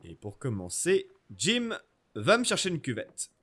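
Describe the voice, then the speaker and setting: A man voicing a brisk, authoritative country doctor in a read-aloud adventure story. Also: on the high side, wildly swooping pitch, fairly bright tone, slightly rough, exaggerated voice. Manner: curt and authoritative. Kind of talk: audiobook reading.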